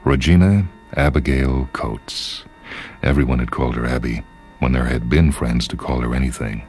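A man reads a scripted literary story aloud in a remarkably deep bass voice. His dramatic narration moves at a moderate pace over soft background music.

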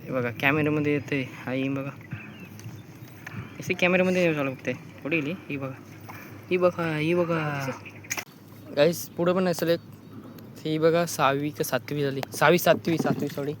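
A man's voice: fairly high pitch, steady tone, moderate pace, long pauses, noisy background. Chatty vlogger man checking crab nets outdoors. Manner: chatty, keeps pointing things out to viewers. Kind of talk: casual outdoor crab-catching vlog.

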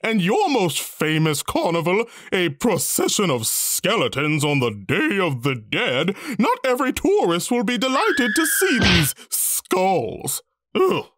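A performer voicing a proud, boastful Brazil countryball in a cartoon, teasing with a lively, swooping delivery. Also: mid-range voice, measured pace, no echo. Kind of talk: cartoon voice acting.

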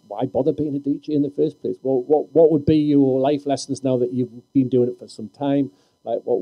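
A man's voice: mid-range voice, warm tone, dry recording, low-quality recording. A man hosting a live panel discussion, asking questions in a rambling, hesitant way. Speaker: panel host. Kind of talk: moderating a panel.

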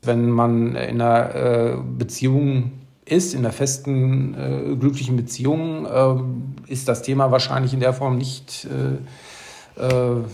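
A man's voice: medium pitch, level tone, takes it slowly, creaky, dark tone. A man in his fifties, interviewed at home, answering hesitantly with many filler sounds. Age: 50s. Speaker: interviewee, father.

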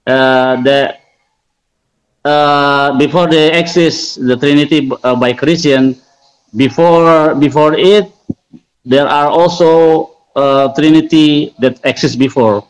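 A man's voice: fairly high pitch, slow pace, clear, resonant tone, poor audio. A man explaining religion informally in a debate, didactic and emphatic, often repeating key phrases.

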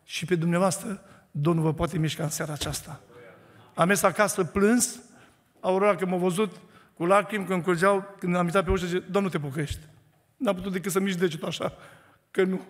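A man's voice: sits high, steady tone. A Romanian man giving an earnest, emotional testimony sermon in church, building to fervent preaching. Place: church hall. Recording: echoey church hall.

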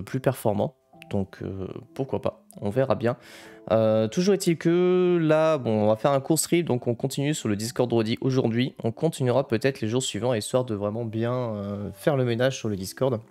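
A man's voice: medium pitch, normal speed, faint music behind. A man chatting casually on a live stream, greeting viewers one by one. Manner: greets chat by name, chatty and lively.

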